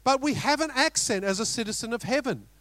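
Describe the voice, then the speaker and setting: A middle-aged Australian pastor preaches a sermon in a very high voice, briskly and with no echo. He's animated, posing rhetorical questions and slipping in storytelling asides.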